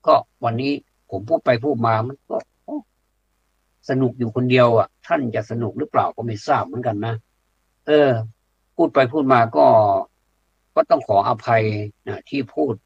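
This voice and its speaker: Man, gravelly husky voice, blunt public talk, hesitant fillers, dull lo-fi dry recording. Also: mid-range voice, moderate pace, no room sound. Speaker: speaker addressing a community audience. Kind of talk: plain-spoken public talk.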